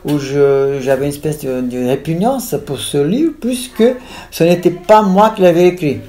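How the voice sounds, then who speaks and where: A woman's voice: low voice, normal speed, mellow. Woman, sixties, from Brazil. Author guest, rambling and list-heavy. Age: 60s. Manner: digressive, piles up lists and restarts. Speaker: author being interviewed. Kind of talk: conversational interview.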